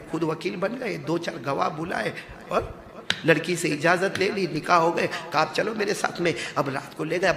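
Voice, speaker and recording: A man telling an Islamic story as a sermon, moving from hushed narration to shouted, chanted Quranic recitation. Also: a little high, vocal fry. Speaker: preacher. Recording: echoey hall with crowd.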